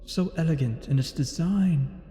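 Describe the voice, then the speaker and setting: Speaking close to an everyday voice, a little high, mellow and unhurried, a man narrates in character as a thousand-year-old vampire, lonely and brooding, using formal, solemn, theatrical words. Music plays behind this scripted gameplay story, which echoes as if in a hall.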